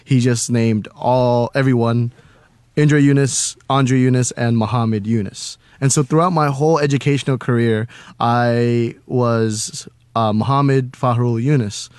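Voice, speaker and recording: A man's voice: mid-range voice, steady tone, a little slow, a little mellow, clean tone, no echo. A young man from Indonesia, a college student and slam poet, chatting casually as a radio guest with lots of fillers and laughs. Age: young adult. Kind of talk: casual interview chat. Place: radio studio.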